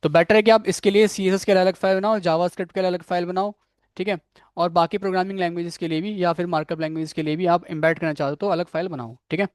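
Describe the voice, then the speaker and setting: In a live web development coding lecture, a programming instructor talks quickly in a high voice with fairly even intonation. The studio sound is clean and free of room echo. He keeps saying "ठीक है", poses frequent questions to students, and owns up to struggling with a technical term.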